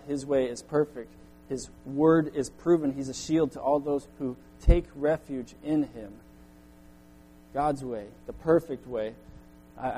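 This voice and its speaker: A man preaching a sermon in earnest, his voice climbing loud when he echoes the crowd's cries. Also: mid-range voice, slight background noise. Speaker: pastor.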